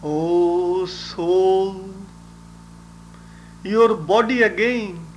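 Very slow, high-voiced man reciting devotionally. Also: steady tone, muffled recording, a little hiss or hum. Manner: solemn, measured, deliberate recitation. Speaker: spiritual teacher.

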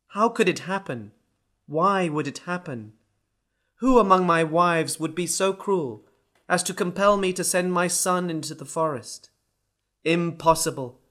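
A man's voice: fairly high pitch, pushed and bright. A man voicing a grief-stricken, remorseful king in a storybook reading, speaking in a pleading, anguished way.

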